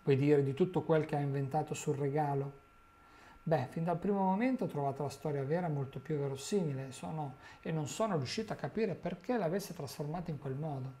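A man's voice: on the high side, fairly quick, dark tone, a little hiss or hum, natural voice. Frodo, a man reading as a puzzled young hobbit. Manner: bewildered questioning.

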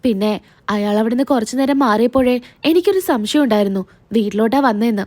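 A woman voicing a protective young man who speaks gently and reassures. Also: a little high, brisk, pitched below the performer's own voice, close to an everyday voice. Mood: comforting.

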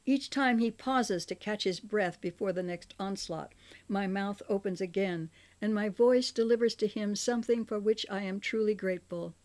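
Older female author-narrator, memoir audiobook, measured and expressive, middle pitch. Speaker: author reading her memoir.

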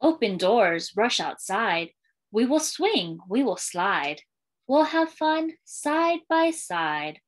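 Reading slowly to young children, this school librarian in her thirties uses a fairly high voice with big pitch swings and a sing-song storytelling lilt. The picture book reading takes place in a small indoor space with bookshelves and a curtain.

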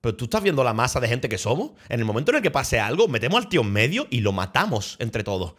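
Through a mid-range voice and a fast pace, a young Spaniard streams a casual chat about his travels. He's animated, laughs a lot, swears freely, and speaks with a Spanish accent.

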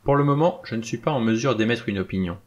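A man reading an audiobook, voicing a shrewd old judge with a reedy, measured, dry delivery. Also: medium pitch, expressive, lo-fi sound, lightly acted.

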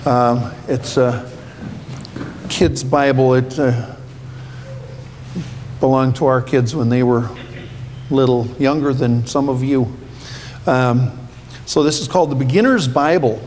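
A man's voice: medium pitch, slow pace, pauses often, a little mellow. A man pastor giving a children's sermon, playful and full of questions for the kids. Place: church sanctuary. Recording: echoey church hall, faint hum.

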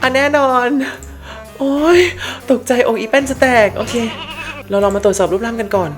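A woman hosting a gaming channel and giving let's-play commentary in an excitable way, full of crude slang. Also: fairly high pitch, fast talker. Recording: game music behind voice.

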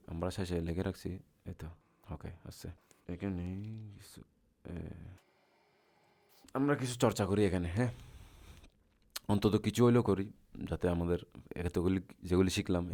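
A man's voice: sits low, darkish tone. A man teaching Arabic grammar in a lecture, asking the class questions and answering them himself in a patient, repetitive way.

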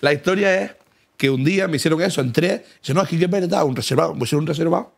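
In a car, a comedian guest from the Canary Islands fires off boastful yet mock-humble funny stories in rapid succession during a casual chat. He laughs frequently, speaking with a fairly high pitch and vocal fry.

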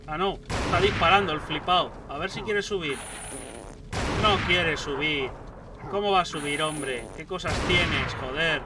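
A young man giving excitable let's play commentary, swearing often and talking back at the enemies on screen. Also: on the high side, measured pace, recorded from a distance, very noisy. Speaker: gaming YouTuber. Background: gunfire and game sounds.

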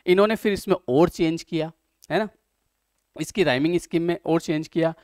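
A man teaches an exam-prep lesson in a slightly raised, lively register, recorded close in a dead, dry room. He walks through the material step by step, keeps asking questions and answering them himself. English passages come out slowly and carefully between his explanations. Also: a little high, no room sound.

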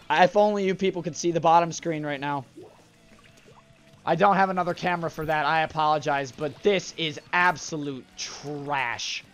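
A man's voice: on the high side, measured pace, pauses often, fairly bright tone, faint music behind. A man giving live gameplay commentary, frustrated and exasperated, with sudden outbursts.

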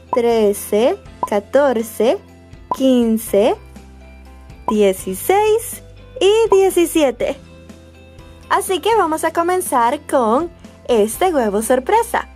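A woman with a high, bouncy voice that swoops up and down as she teaches colors to small children. She talks slowly and sing-song, with exaggerated gasps of wonder. Faint music plays behind her. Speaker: children's toy channel host.

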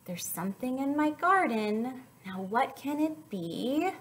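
Speaking slowly in a high-pitched voice, a young woman reads to children and talks with them in an animated, musical, questioning style during story time.

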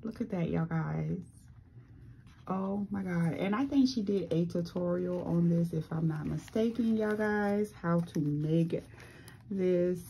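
A woman hosting a craft channel, gushing with excitement as she unboxes mail. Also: on the low side, slight background noise. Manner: gushing, excited, says "y'all guys" a lot. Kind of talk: casual unboxing vlog.

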